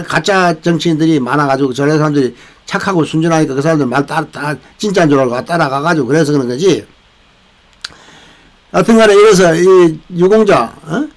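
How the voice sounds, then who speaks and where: A man's voice: sits high, poor audio. An older man hosting a veterans' channel, giving a rambling political commentary with many restarts and tag questions. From South Korea.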